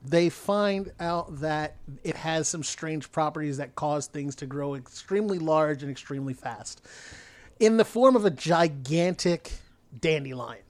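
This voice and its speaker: A man's voice: fairly high pitch, a little slow, dry recording. A man co-hosting a podcast, retelling a movie plot in a rambling, hesitant way with frequent laughs. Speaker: podcast co-host. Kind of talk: casual movie recap chat.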